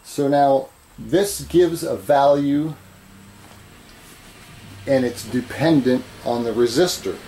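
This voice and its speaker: A man giving an informal chalkboard lecture as an instructor, halting and repetitive, often checking in with "right?". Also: mid-range voice, dark tone, slight background noise, rough recording. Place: indoors at a chalkboard.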